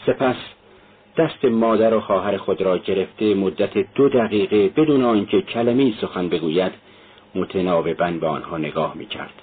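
A man reading a novel aloud as narrator, in a steady scripted delivery. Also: low voice, slightly rough. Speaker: audiobook narrator. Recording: tinny phone-like sound.

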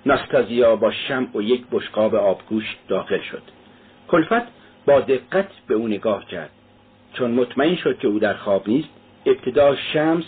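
A man narrating an audiobook in a steady, solemn reading. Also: mid-range voice, breathy edge. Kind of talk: scripted narration. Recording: tinny phone-like sound.

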